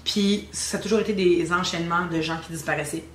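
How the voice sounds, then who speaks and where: A young woman with a Québécois accent, casually telling an animated ghost story on a podcast. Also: on the low side, fairly quick. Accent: Québécois French. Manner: animated storyteller, teasing suspense. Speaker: guest telling her story. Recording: roomy with faint ambient noise.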